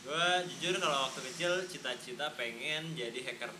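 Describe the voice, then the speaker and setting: A man's voice: medium pitch, moderate pace, background noise. A young man in a casual podcast chat, asking questions and tossing in dry quips.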